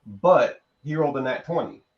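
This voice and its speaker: A man acting as game master, calmly making rulings in a tabletop game over voice chat. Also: mid-range voice, normal speed, highs cut off.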